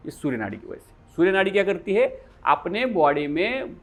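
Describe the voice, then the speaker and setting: Animated high-voiced man teaching yoga. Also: moderate pace. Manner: animated, asks the class questions and answers them himself. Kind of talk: lecture to a yoga class.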